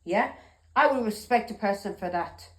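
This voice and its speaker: A woman's voice: mid-range voice, expressive, normal speed, echoey room, low-quality recording. A middle-aged woman giving a tarot reading, talking bluntly and heatedly, swearing and often asking "yeah?". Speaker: tarot reader. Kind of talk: emotional tarot reading monologue.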